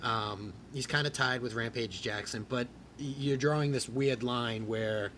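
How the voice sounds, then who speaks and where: A man of middle pitch rambles through a casual podcast chat, turning excitable and crude. A faint hiss of noise sits under his voice. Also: measured pace. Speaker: podcast host.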